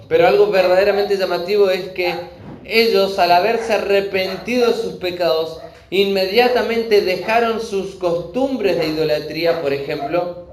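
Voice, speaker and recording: A man preaching a verse-by-verse Bible sermon, earnest, often pausing to check in with his listeners. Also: sits high, a little hiss or hum. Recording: echoey room with faint ambience.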